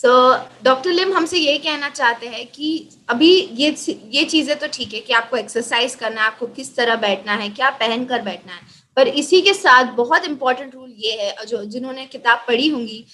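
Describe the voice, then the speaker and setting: A woman's voice: high voice, normal speed, sharp tone, a little hiss or hum. A woman hosting a virtual gathering over a video call, fluently explaining and translating the speaker's points. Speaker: host and interpreter.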